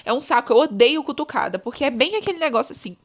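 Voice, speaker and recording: A young woman with a somewhat high voice talks through friendship advice in a casual podcast monologue. She is expressive and chatty and keeps turning to her listeners directly. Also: quick pace. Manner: expressive, chatty, often addresses listeners as "gente". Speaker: podcast host.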